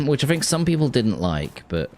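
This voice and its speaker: A man's voice: a little high, huge pitch swings, unhurried, darkish tone, a little hiss or hum. A man chatting casually while streaming a game, rambling and restarting his sentences. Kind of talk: casual gameplay chat with chat.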